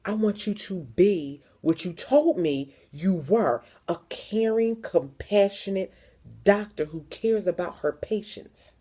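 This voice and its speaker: A woman's voice: medium pitch, animated, slow, dark tone, breathy edge. A young adult woman from the Philadelphia area, talking frankly and emphatically in a personal vlog, repeating words for stress. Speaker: vlogger.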